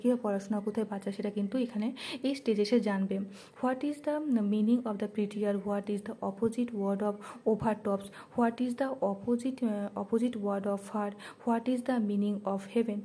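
A woman tutor walking through a lesson plan, reading English lines out slowly and then explaining each one, with many fillers and restarts. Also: on the high side, mellow. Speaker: teacher-training tutor.

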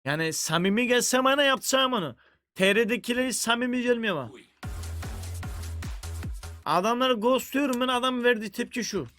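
Casting: crude joking game streamer, man, high bright voice, faint music behind. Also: normal speed, long pauses. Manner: crude, profane, joking banter. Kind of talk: casual livestream chat.

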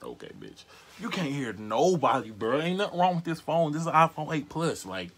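An American man in his twenties doing a casual prank vlog, talking in a slangy, halting way to a phone and camera in a bedroom. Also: on the high side, lively intonation, a bit bright, husky. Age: 20s. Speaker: prank caller and video host. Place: small bedroom, indoors. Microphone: device mic at arm's length.

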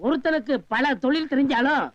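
An actor playing a meek sidekick who agrees with everything in a film comedy scene. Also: male voice, extremely high pitch, brisk, fairly bright tone, no echo. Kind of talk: Tamil film comedy dialogue. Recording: dull film audio with faint hiss.

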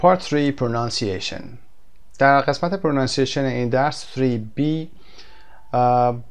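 A male teacher in a recorded lesson, with a voice of middle pitch. His explanations come in quick bursts broken by hesitant fillers. He reads his example sentences slowly and carefully. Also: smooth. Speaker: English teacher.

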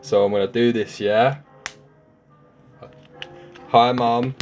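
A man's voice: medium pitch, steady tone, slow, a little mellow, faint music behind. A young man with a London accent talking casually and brashly in slang and swearing, recorded on a phone at arm's length indoors. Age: young adult. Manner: brash, slangy, sweary, repeating tag questions. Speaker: stunt challenge vlogger. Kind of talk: casual slangy vlog talk. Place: small room indoors at home.

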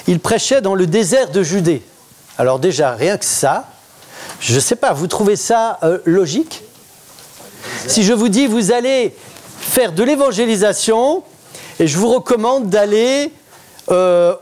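A middle-aged pastor preaching a sermon in church, lively and conversational, often asking the congregation questions. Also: male voice, high voice. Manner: interactive, asks the congregation questions.

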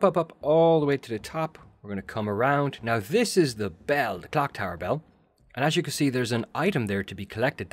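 A man hosting a casual, chatty game walkthrough, talking the viewer through each step with a jokey edge. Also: medium pitch. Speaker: gaming video host.

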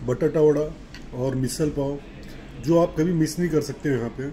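A chatty male food vlogger with a slightly high, warm voice reviews a restaurant breakfast buffet at normal speed, savoring the food with little exclamations. The low-quality recording picks up restaurant background noise and ambience.

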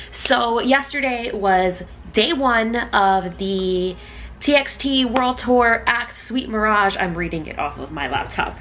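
A young woman talks casually to her viewers in a drowsy morning voice. She rambles and repeats herself as her excitement bubbles up. There is a faint hiss behind her. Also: mid-range voice. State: sleepy morning voice. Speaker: concert vlogger. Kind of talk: casual vlog chat.

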